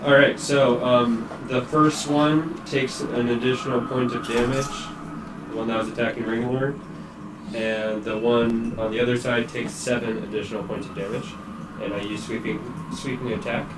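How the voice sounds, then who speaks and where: A man's voice: medium pitch, level tone, normal speed. A man chatting casually and calling his moves as a player in a tabletop role-playing game. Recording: roomy, distant mic, clear background noise.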